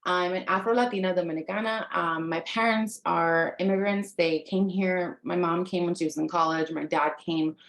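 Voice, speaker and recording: A woman in her thirties from the United States, a native Spanish speaker, runs an online life-coaching workshop, addressing her audience directly in an earnest, conversational way. Her voice is lowish and steady, moving at a moderate pace with hardly any pauses, and the recording sounds roomy.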